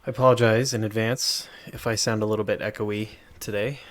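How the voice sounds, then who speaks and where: A man's voice: lowish voice, little pitch movement, brisk, soft background music. A man co-hosting a podcast in casual, rambling chat, recorded in a bare room that makes him sound echoey. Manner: easygoing, rambling, joking asides. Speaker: podcast co-host. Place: bare, empty room with only a desk.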